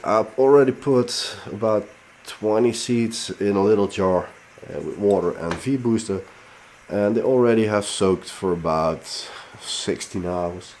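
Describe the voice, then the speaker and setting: Speaking English as a second language with a Dutch accent, a man from the Netherlands who grows peppers and makes fertilizer describes his routine in a relaxed vlog. He's frank and explanatory at a measured pace, his voice very low and a little mellow, stretching stressed words while a faint hum runs underneath.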